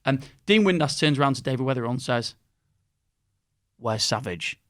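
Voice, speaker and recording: A man's voice: mid-range voice, lively intonation, rapid-fire. A man hosting a football podcast, telling a long anecdote in a chatty, rambling way. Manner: chatty, rambling storyteller with frequent fillers. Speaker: podcast host. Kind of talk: casual chat and anecdote telling.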